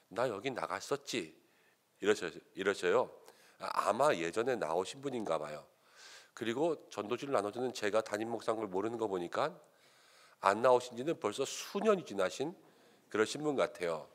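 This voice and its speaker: A male pastor telling a story in a sermon, acting out the voices of the people in it. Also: fairly low pitch. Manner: animated, acts out quoted voices of others. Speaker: senior pastor.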